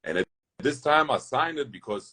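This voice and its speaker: A young man from Germany, a basketball player, telling stories fast in loose, broken English as an interview guest. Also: fairly high pitch, expressive, bright, forceful tone. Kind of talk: casual interview storytelling.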